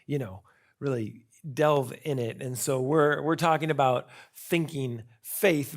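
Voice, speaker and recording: A man speaking at a conference in a conversational way, often asking the audience rhetorical questions. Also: a little high. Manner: frequent fillers and restarts. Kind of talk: conference talk.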